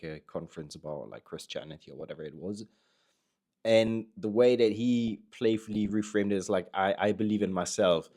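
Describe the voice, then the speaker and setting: A male dating coach talks over footage with a lowish voice. He explains in an emphatic, instructive way, picking up speed on key points. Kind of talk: voice-over commentary.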